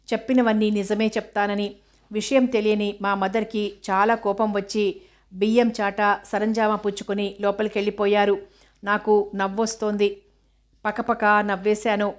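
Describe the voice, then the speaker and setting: A woman narrating a novel aloud in a steady, even storytelling manner. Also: mid-range voice. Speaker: audiobook narrator.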